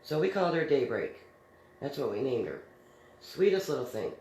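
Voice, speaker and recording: Very deep and mellow, her voice swings widely in pitch at a moderate pace. This middle-aged DIY crafts host chats through a story while crafting, laughing easily and using many fillers, over a roomy echo and faint noise.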